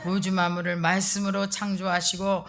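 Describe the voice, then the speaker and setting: A middle-aged woman pastor preaching a sermon in an emphatic, conversational way, tossing in quick rhetorical asides to the congregation. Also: medium pitch, level tone, fairly bright tone.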